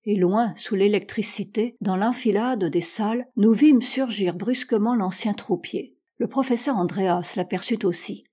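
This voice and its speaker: Mellow, husky woman narrating. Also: medium pitch, unhurried, few pauses. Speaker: audiobook reader. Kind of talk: literary narration.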